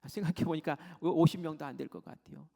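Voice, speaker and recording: Pastor, male, raised pitch, gravelly sermon voice, theatrical storyteller dropping into whispers, long church reverb. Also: steady tone, fast. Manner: dramatic storytelling, acting out voices, swings from loud to whisper.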